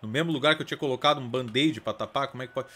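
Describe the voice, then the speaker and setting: A man with a Brazilian Portuguese accent giving let's play commentary as a gaming streamer, swearing constantly and breaking into loud outcries. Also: mid-range voice, racing, a little hiss or hum. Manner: profane, excitable, bursts into loud outcries.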